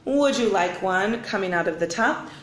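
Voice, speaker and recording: Woman playing a brisk mom with swooping pitch. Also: expressive, echoey room, natural voice. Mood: exasperated. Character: puzzled, brisk, accommodating mother of a schoolgirl. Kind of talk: storybook read-aloud character voice.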